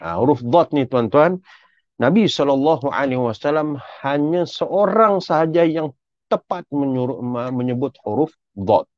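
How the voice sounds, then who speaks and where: A man's voice: medium pitch, lively intonation, no room sound. A Malaysian man giving a Quran recitation lesson, drawing out example words and correcting with frequent "ah" and "ha". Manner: drawn-out, repeated recitation examples. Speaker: religious teacher. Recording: dull, muffled lo-fi recording.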